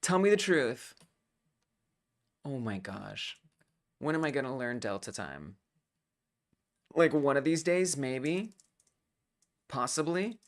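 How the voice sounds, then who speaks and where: A young woman hosts a game-making stream in a low-set voice that swings widely as she reacts. She chats casually, teasing herself and getting worked up over small things. Her delivery is loose and expressive. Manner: excitable, self-mocking, quick to laugh. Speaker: host of a game jam stream. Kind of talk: casual live-stream chat.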